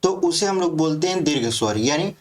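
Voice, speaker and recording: A man's voice: on the high side, expressive, brisk. A man teaching a grammar lesson for exam prep, explaining step by step and often checking that students follow.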